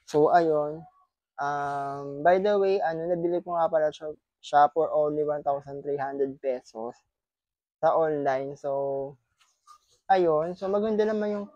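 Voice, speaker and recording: A man's voice: a little high, measured pace, long pauses, mellow, no echo, highs cut off. A man from the Philippines chatting casually in an unboxing vlog, repeating his thanks and teasing playfully. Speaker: vlogger. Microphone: wireless clip-on microphone.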